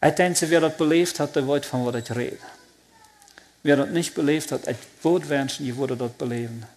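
A man speaking with a Plautdietsch accent shares his personal religious testimony. His voice sits a little high for a man. He talks earnestly and haltingly, with plain heartfelt conviction. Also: darkish tone, slight background noise. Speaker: believer giving a personal testimony.

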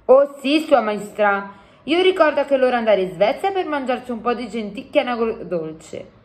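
A woman voicing a big, clumsy, friendly male giant who jumbles his words and booms out his exclamations. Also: expressive, moderate pace, close to an everyday voice. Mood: cheerful. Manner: booming exclamations, mangled made-up words.

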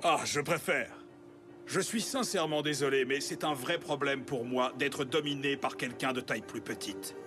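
A man's voice: medium pitch, moderate pace, music in the background, close to an everyday voice. An actor playing a proud, vain, lovesick strongman in an anime dub, with pompous, mannered politeness. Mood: courtly, proud.

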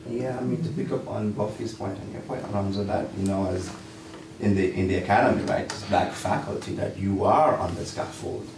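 A man's voice: deep voice, fairly quick. A man with a Jamaican accent speaking reflectively in a round-table discussion, emphatic and repeating words as he goes. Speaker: college faculty member. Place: small indoor meeting room. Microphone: far camera or room mic. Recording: distant mic, echoey room, some noise.

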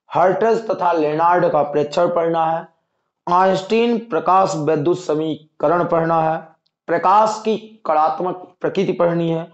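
A male teacher going through an exam syllabus, repeating key points and reassuring students he calls dear children. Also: on the high side. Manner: repetitive, assuring, addresses students as dear children. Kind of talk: exam-prep lecture. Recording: echoey room, dull lo-fi sound.

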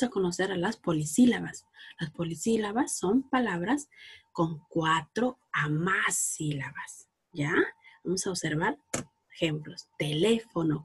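Peruvian lady teacher, low-ish voice, coaxing kids with questions and praise. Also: slight background noise. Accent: Peruvian Spanish. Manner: slow, patient, coaxing, asks questions and praises. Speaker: primary school teacher. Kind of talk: recorded class lesson for children.

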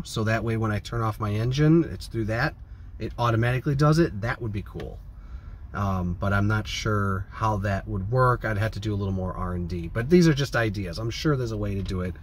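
This man's voice sits on the low side as he rambles informally to camera in a vlog-style chat. He's from the American Midwest and is recording inside a parked van on a phone or camera at arm's length, with vehicle ambience clearly audible.

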